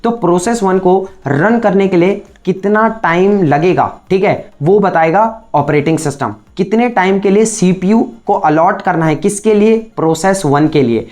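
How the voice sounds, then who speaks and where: A computer science teacher with a high, slightly mellow voice gives a recorded lecture. He explains things step by step and keeps checking in with the class through rhetorical questions.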